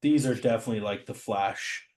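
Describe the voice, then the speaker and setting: A show host with a lowish, somewhat mellow voice talks a little fast as he remarks on comic art. He chats casually and admiringly, dropping "man" often.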